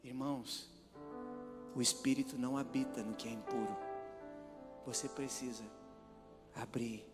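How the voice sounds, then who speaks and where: A pastor preaching a sermon in a church, swinging from hushed asides to loud, dramatic shouts. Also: male voice, medium pitch, fairly even intonation, unhurried, pauses often. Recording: hall reverb with faint music.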